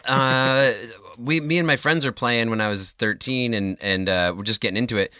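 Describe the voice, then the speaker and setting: A man's voice: medium pitch, moderate pace, bright, forceful tone, clear, resonant tone, no echo, clean studio sound. A man, co-hosting a podcast as a rambling, joking storyteller who swears freely. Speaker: podcast co-host. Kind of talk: casual chat.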